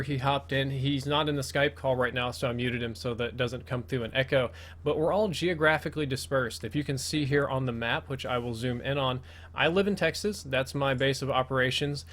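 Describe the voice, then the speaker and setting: A man's voice: mid-range voice, a bit bright. An American man with a mid-range voice hosts a gaming video. He talks casually as he comments live, and his braces make his S sounds slip slightly. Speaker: host of gaming connection-test video.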